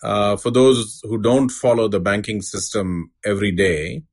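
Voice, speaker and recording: A middle-aged man giving a measured, unscripted explanation as an expert interview guest. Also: lowish voice, steady tone. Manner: measured, explanatory, uses analogies. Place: studio.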